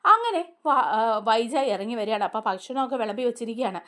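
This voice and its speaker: A woman's voice: fairly high pitch, big pitch swings, pushed and bright. A woman retelling a TV serial episode in a chatty, casual way, as a serial reviewer. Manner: chatty, fast, tag questions.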